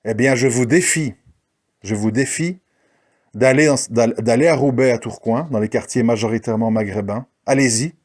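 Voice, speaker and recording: A man's voice: medium pitch, normal speed, a little mellow. Combative man ranting into the mic. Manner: combative, challenging the listener, mocking quoted voices. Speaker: commentator. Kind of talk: ranting monologue.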